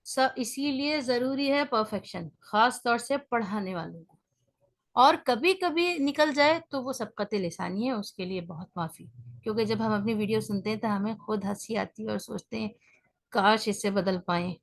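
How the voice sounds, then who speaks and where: A woman's voice: fairly high pitch, vocal fry. Woman teaching a grammar class online. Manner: patient step-by-step explaining, often checking in with students.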